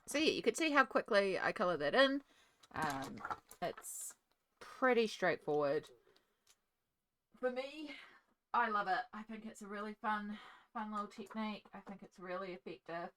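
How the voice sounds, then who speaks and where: A woman's voice: mid-range voice, expressive, normal speed, long pauses, a bit bright, slight background noise. A woman hosting an art video, chatting casually through each step as she colours at her desk. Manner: chatty, narrates each step while working; talks one-handed with a cat in her lap. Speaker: art channel host. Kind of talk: casual narration while colouring. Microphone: desk microphone.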